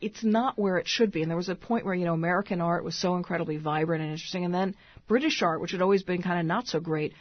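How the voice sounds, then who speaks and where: Husky low-voiced woman author. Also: dry recording. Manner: thoughtful, many restarts and fillers. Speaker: author guest. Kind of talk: radio interview. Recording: dull lo-fi radio sound.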